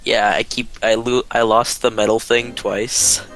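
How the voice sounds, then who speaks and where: Co-hosting a casual podcast over a voice call, a man rambles and packs his talk with "like." His medium-pitched, slightly bright voice is level and unhurried, heard through a voice-call mic on a low-quality recording with soft background music.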